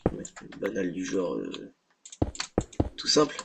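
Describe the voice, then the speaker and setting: A man's voice: low voice, wildly swooping pitch, slow, gravelly. A young man giving casual, hesitant, rambling commentary as he hosts a gaming video. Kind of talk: casual unscripted let's play commentary. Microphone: gaming headset. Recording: noisy mic, audible keyboard clicking. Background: keyboard typing noise and clicks.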